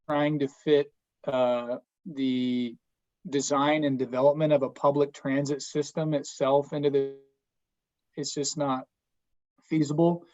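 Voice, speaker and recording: A man chairing a committee meeting by phone, speaking haltingly with many fillers while his cell connection breaks up. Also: mid-range voice, highs cut off. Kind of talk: remarks at a public meeting. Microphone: phone on a remote call.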